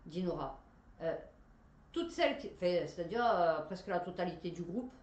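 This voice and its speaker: A woman's voice: lowish voice, lively intonation, normal speed, darkish tone, muffled recording. A woman telling a personal story in a chatty, rambling way, with many fillers. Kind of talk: casual storytelling. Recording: roomy echo, faint background noise.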